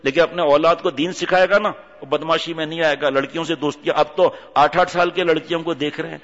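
Male preacher, animated and scolding, fond of rhetorical questions; long reverb, dull lo-fi sound. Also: fairly high pitch. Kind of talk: sermon.

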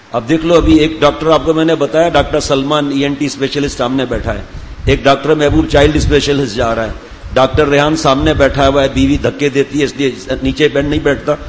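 A man's voice: fairly high pitch, big-room sound, slight background noise, poor audio. A middle-aged man, a Sufi spiritual guide, giving a sermon to a gathering. He tells stories with humor and teases his listeners by name. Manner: jovial storytelling, teasing listeners by name.

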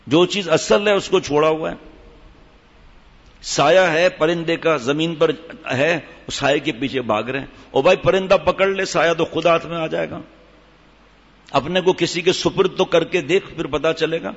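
A man giving a sermon in a scolding, emphatic way, reciting Arabic verses slowly. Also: a little high, in a large hall, lo-fi sound. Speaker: preacher.

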